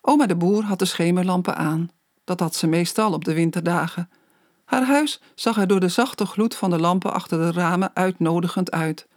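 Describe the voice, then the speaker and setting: An audiobook narrator reading a children's story aloud in a slow, measured way. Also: mid-range voice, no room sound, studio quality.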